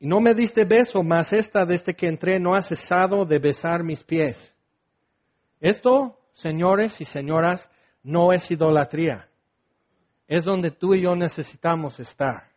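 A man preaching a sermon, animated and acting out scenes, then sinking into soft prayerful tones. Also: sits high, measured pace. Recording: dull lo-fi recording.

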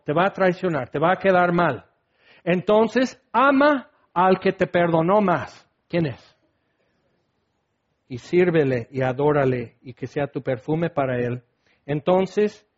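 High-voiced preacher, lo-fi. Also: male voice. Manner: animated, acts out the scene, sinks to soft prayerful tones. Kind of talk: sermon. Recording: dull lo-fi recording.

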